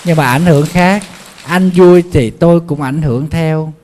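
A Buddhist monk preaches in a lively, joking way. His voice sits a little high for a man. He tells folk stories as he goes. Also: measured pace. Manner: lively, jokey, acts out animal voices in the story. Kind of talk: Buddhist sermon with storytelling.

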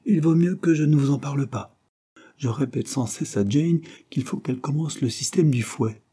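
A man voicing a tired, patient father with a dry humor in an audiobook, speaking calmly and gently wry. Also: medium pitch, normal speed, husky.

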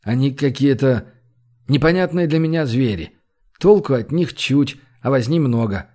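A man's voice: mid-range voice, lively intonation, moderate pace, mellow, close to an everyday voice. A male narrator voicing a worried, protective man who fusses anxiously over others.

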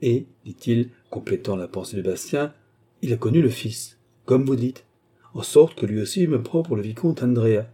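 A man's voice: medium pitch, animated, normal speed, warm tone, breathy edge. A man voicing a cool, scheming young baronet who stays unruffled and feigns surprise. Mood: cool, mocking.

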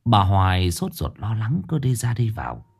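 A man's voice: lowish voice, normal speed, creaky, husky. A man narrating a ghost story and acting out every character. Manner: lively, acts out every character.

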